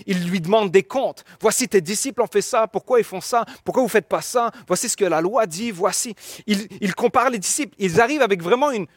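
High-voiced preacher, earnest. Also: male voice, no echo, clean studio sound. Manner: earnest, explanatory, with frequent restarts. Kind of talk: sermon.

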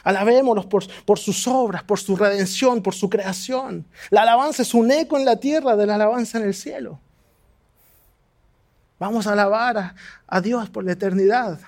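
A man preaching a sermon, fervent and exhorting, his voice climbing high on points of emphasis. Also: normal speed, a little mellow.

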